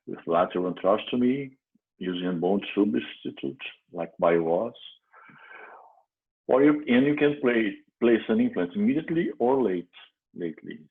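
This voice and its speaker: A man from Brazil with a Brazilian Portuguese accent gives a clinical lecture as a dental surgeon, often restarting and pausing mid-phrase. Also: on the low side, husky. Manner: halting, frequent restarts and fillers. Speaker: dental surgeon presenting a case. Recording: tinny phone-like audio.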